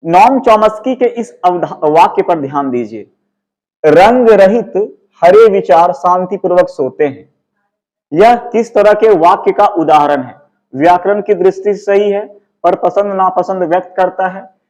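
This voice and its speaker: A man's voice: high voice, moderate pace, a little mellow. A male teacher with a Hindi accent from Bihar, explaining exam answers and posing questions he then answers himself. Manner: explanatory, asks and answers his own questions.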